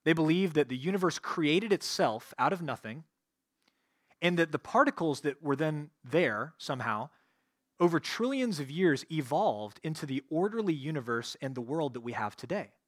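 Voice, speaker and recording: A man's voice: a little high, animated, moderate pace, no echo, clean studio sound. A man preaching a sermon as a pastor, reading scripture aloud and explaining it verse by verse.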